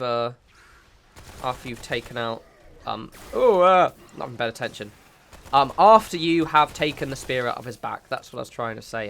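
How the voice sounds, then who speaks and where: A gaming channel host comments casually on the game he's playing, sniffly from a recent cold. His mid-range voice has vocal fry and a slight brightness, and he rambles, corrects himself, and drops chatty asides.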